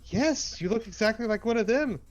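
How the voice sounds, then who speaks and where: A man's voice: a little high, expressive, brisk, a little mellow, dull audio, faint music behind, natural voice. A man voicing a panicky young female pickpocket who pleads frantically in a tabletop game. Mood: wary.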